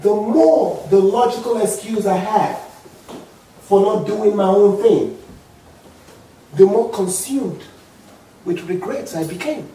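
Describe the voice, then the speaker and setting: Speaking slowly with long pauses, an African-accented public speaker in his forties addresses an audience in a dramatic, emphatic motivational talk. He drops to low murmurs, then rises to loud, high exclamations. The recording comes from a distant mic in a very echoey hall with slight background noise.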